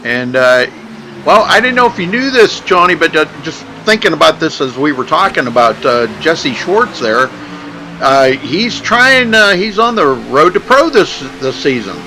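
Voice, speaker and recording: A man commentates on motorsport in a bright, slightly high voice. His live race calling is casual and chatty. A faint noise sits behind him. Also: sing-song, moderate pace, rough recording.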